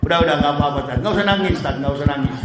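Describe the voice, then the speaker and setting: A preacher voicing a gentle, soft-spoken angel who wakes the dead in the grave, within a sermon. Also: male voice, level tone, a little fast, over a noisy crowd, close to an everyday voice. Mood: soothing. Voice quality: soft and low. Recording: echoey mosque hall.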